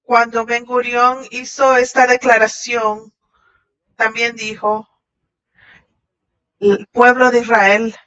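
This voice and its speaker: A woman voicing a Shabbat message in translation, halting at times and restarting. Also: fairly high pitch, fairly bright tone. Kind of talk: translated sermon voice-over. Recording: dull lo-fi audio.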